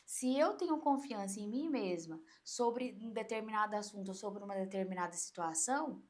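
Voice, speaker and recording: A woman coach with a Brazilian Portuguese accent, explaining in an animated way on an interview podcast and acting out inner voices. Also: medium pitch, normal speed.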